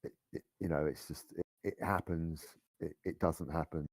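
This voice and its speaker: A man running a tabletop horror game as game master, talking in a halting way with many restarts. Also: a bass voice, fairly even intonation, a little mellow, slightly rough, no echo.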